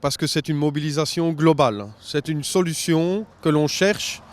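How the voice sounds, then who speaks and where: A man explains his case, asking questions and then answering them himself. His voice sits somewhat high. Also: fairly even intonation, moderate pace, slight background noise.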